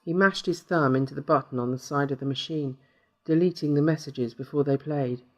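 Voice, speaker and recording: A man narrates a short horror story in a steady, measured storytelling voice. His pitch sits a little high for a man. The reading is scripted and even.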